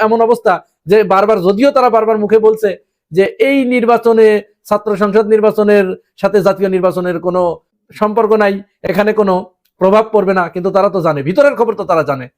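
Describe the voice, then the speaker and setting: A man delivering an emphatic opinion monologue on current events, asking the audience rhetorical questions. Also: high voice. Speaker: political commentator.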